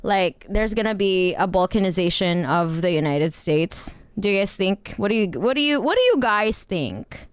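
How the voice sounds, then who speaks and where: A woman's voice: medium pitch, lively intonation, moderate pace, few pauses, clear, resonant tone, no echo. A woman streamer rambling in casual chat with her viewers, laughing often and swearing casually.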